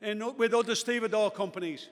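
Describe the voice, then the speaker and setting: An older Australian man with a hoarse, fading voice gives a rousing keynote speech as a union speaker. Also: high-pitched, brisk. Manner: rousing, rising to shouted emphasis. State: losing his voice. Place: large convention hall. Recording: reverberant convention hall.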